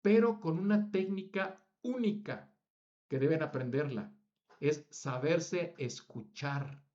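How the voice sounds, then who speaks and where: A man's voice: a little high, slow, darkish tone, lo-fi sound. A man teaching a public speaking class, stressing each item in his lists and now and then correcting a slip. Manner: emphatic, lists words with rising stress; self-correcting slips. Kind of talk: lecture to students.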